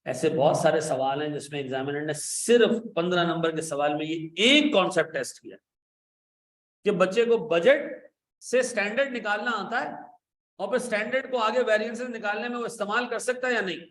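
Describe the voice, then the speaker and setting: A man giving an accounting lecture, animated and coaxing, pressing his students with repeated questions and playful scolding. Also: high-pitched, brisk, reverberant. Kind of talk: classroom lecture.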